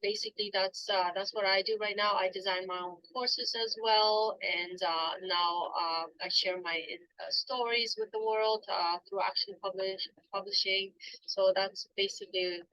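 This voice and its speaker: A woman talks about her coaching work in a halting way, pausing and restarting often. Her voice is bright and forceful. The sound is dull and lo-fi, with a dry, close feel. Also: medium pitch, fairly even intonation, no echo. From Poland. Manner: hesitant, many ums and restarts. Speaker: guest author and coach. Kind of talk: casual interview answers.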